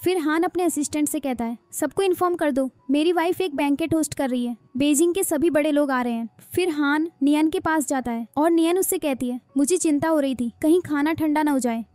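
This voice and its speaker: A woman retells a drama's story and speaks all the characters' lines in her own voice. Her voice sits high but has a mellow, soft-edged tone. The sound is close and dry. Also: a little fast, few pauses, dry recording. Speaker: drama recap narrator. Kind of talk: storytelling recap narration.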